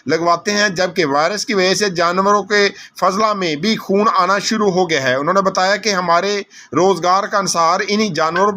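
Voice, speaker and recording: A male field reporter with a Pakistani accent delivers a news report. His voice is high and sharply bright, and he occasionally trips over words.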